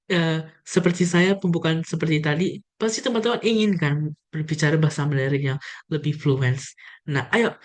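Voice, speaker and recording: A young woman teaching a casual video lesson on Mandarin, speaking straight to her viewers and demonstrating the tones. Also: fairly low pitch. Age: young adult. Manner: friendly, addresses viewers directly, demonstrates tones.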